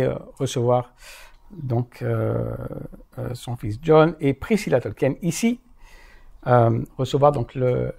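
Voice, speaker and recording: Mellow-voiced French-speaking lecturer, hesitant. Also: male voice, mid-range voice, creaky. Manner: hesitant, many fillers and restarts. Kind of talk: live lecture. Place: lecture hall.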